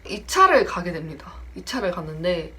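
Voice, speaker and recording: A woman's voice: fairly low pitch, normal speed. A young woman in her twenties telling a casual story about a friend, acting out the lines in different voices. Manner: animated, acts out the quoted lines in voices. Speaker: storytelling vlogger.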